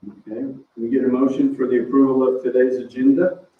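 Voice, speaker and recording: A man chairing a public board meeting, a bit out of breath, relaxed and halting with fillers. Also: mid-range voice. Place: council meeting room. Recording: distant, roomy, tinny phone-like audio.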